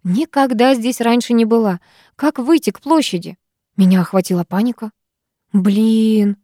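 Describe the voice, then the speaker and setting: A woman narrating a first-person audiobook in a lively, expressive manner. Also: fairly high pitch, a little fast, no echo, studio quality. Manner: lively, expressive reading with sharp dialogue.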